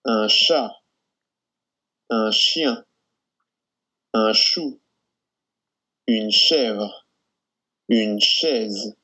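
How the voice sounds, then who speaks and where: A man slowly reading syllables and words aloud as a pronunciation drill, one word at a time. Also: fairly low pitch, bright, forceful tone, slightly rough, low-quality recording. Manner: very slow, deliberate word-by-word reading. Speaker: pronunciation model reader.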